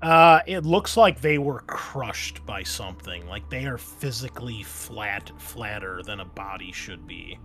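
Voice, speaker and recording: An American man with a lowish, slightly bright voice runs a tabletop game as game master, improvising scene descriptions conversationally and chatting casually with his players. He sounds animated, speaks a little slowly with few pauses, and soft music plays in the background.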